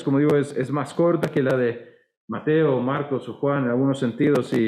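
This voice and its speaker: Costa Rican pastor in an echoey hall. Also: male voice, mid-range voice, darkish tone. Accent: Costa Rican Spanish. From Costa Rica. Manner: dramatizes quoted voices, conversational preaching. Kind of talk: sermon.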